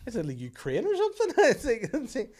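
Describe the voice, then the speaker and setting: A Northern Irish man, a podcast host, comedian and actor, hosts a casual comedy chat, bantering and rambling and slipping into acted quotes. His voice is extremely high with huge pitch swings, darkish in tone, and fast.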